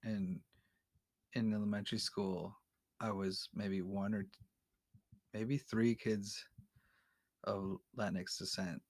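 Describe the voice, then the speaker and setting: A man's voice: lowish voice, steady tone, slow pace, pauses often, darkish tone, no echo, studio quality. A man who is a podcast guest, talking casually and candidly with lots of fillers and restarts. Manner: hesitant, many fillers and restarts; candid, opinionated. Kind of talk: casual interview conversation.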